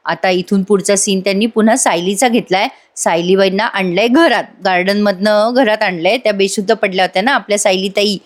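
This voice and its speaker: A woman narrates a TV serial episode review in a chatty voice-over. She speaks straight to her viewers. Her pitch sits in the middle range. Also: a little fast, hardly any pauses. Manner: chatty, addresses viewers directly.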